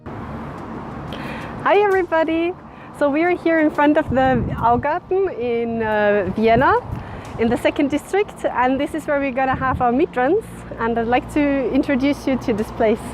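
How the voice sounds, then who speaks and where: Out on forest trails and through a park, a female runner from Austria leads a trail tour, talking to the camera in a relaxed walk-and-talk with her Austrian German accent. She has a high-pitched, unhurried delivery, with background noise in the audio.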